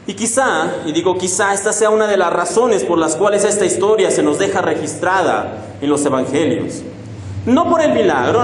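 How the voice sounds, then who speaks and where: A man's voice: sits high, a little hiss or hum. A man preaching a sermon as a pastor, acting out the voices of a crowd and a pleading beggar. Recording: echoey hall with long reverb.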